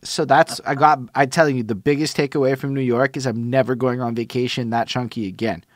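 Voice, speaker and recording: On a podcast, a man with a mid-range voice chats casually, telling rambling, slangy stories with some swearing. His tone is steady and his pace brisk, captured in clean studio sound with no echo.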